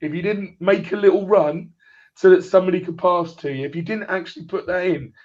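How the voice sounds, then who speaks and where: Sitting high with a darkish tone, the voice moves a little fast. It belongs to a man in his forties on a clipped phone line, rambling through casual football talk and restarting his points over and over.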